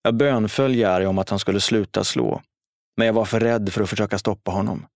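A man reading a first-person story aloud in a steady, solemn manner. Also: fairly low pitch, dry recording, clean studio sound. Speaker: narrator.

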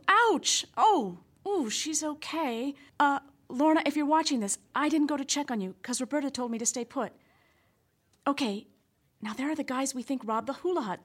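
A woman playing an excitable amateur camerawoman in a sitcom radio play, talking in breathless running commentary. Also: high voice. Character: excitable woman filming a stakeout.

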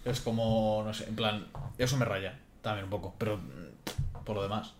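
A man's voice: on the low side, moderate pace, soft background music. A young man from hosts a casual podcast chat, rambling along with loose fillers and restarts. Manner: rambling, peppered with "en plan" and restarts. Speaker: podcast host. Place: in person, same room as guest.

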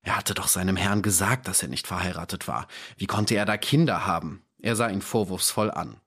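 A man's voice: low voice, fairly quick, fairly bright tone, slightly rough. A man narrating an audiobook in a dry, ironic storytelling manner. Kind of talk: scripted narration.

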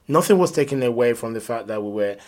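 A man's voice: medium pitch, lively intonation, fast, a little mellow. A man, talking earnestly and reflectively as an interview guest. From Nigeria. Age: 50s. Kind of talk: conversational interview.

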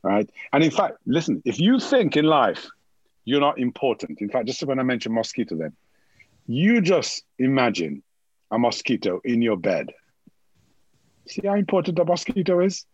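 Lively, husky man with encouraging talk. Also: medium pitch, normal speed, no echo, highs cut off. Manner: encouraging, animated, often asks "right?". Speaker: motivational guest. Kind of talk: upbeat motivational interview talk.

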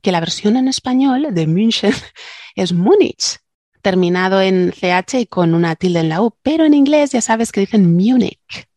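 A woman's voice: mid-range voice, expressive, moderate pace, dark tone, no room sound. A woman co-hosting a casual science podcast, a linguist who chats, jokes and explains things with digressions. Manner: chatty, joking, explains with digressions.

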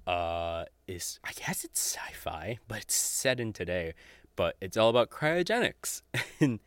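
Recommending audio dramas in a loose, rambling monologue, this podcast host sounds a bit bright with a voice on the low side. He's casual and keen, cursing often and laughing lightly as he goes. The sound has no echo.

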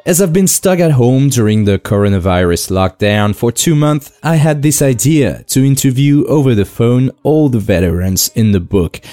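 A French man in his thirties with a French accent hosts a podcast, speaking in a scripted, earnest and enthusiastic way. His voice is on the low side with a warm tone and no echo.

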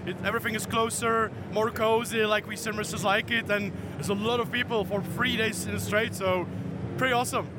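A man's voice: high voice, fairly even intonation, fairly quick. A man with a worn-out voice giving a casual interview as a guest at a busy expo. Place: crowded expo venue. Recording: very noisy busy expo floor.

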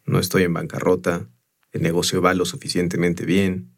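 A man's voice: sits low, monotone, moderate pace, creaky. A man voicing a proud, talkative middle-aged gravestone carver in an audiobook, earnest and matter-of-fact. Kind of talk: audiobook character voice.

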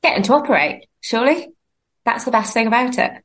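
A woman's voice: a little high, animated, fast, fairly bright tone. A woman from Bristol talking casually as a guest on a podcast. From Bristol, England. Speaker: surgical trainee, podcast guest. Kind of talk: casual chat.

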